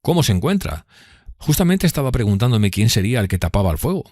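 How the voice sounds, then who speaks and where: A man's voice: mid-range voice, big pitch swings, fast, a little mellow, no room sound, clean studio sound, pitched above the performer's own voice. Brief: a stiff, prideful young man in a storybook, clipped and bristling replies, as a male narrator reads him. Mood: curt. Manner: curt, terse, bristling. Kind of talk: audiobook dialogue.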